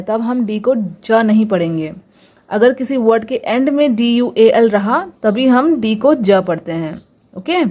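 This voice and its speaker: Patient, mellow-voiced woman teacher. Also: fairly high pitch. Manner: patient, repeats each example word slowly, asks rhetorical questions. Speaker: English pronunciation teacher. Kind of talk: Hindi-language lesson on English pronunciation.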